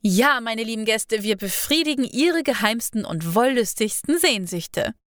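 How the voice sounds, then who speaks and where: Gushing young baker, read by a woman; very high, sing-song. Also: expressive, a little slow, a bit bright, no room sound, clean studio sound. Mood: theatrical.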